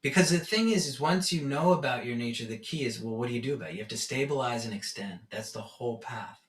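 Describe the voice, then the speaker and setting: A man's voice: mid-range voice, fast talker. Man teaching in a roomy echo. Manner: animated storytelling, acts out his own reactions. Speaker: meditation teacher. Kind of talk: casual spiritual teaching talk. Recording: roomy echo, from far off the mic.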